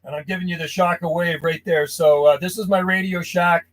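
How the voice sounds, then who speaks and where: A man's voice: high-pitched, steady tone, fairly quick, poor audio. A man chatting casually as a CB radio operator and host, talking in a friendly buddy-to-buddy way from a small radio shack. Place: small insulated radio shack outdoors from the house.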